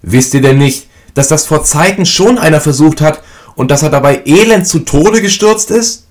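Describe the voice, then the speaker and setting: A man's voice: on the high side, lively intonation, moderate pace, voice pushed up, natural voice. A man putting on a worried old mother's warning voice. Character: anxious old mother of seven sons.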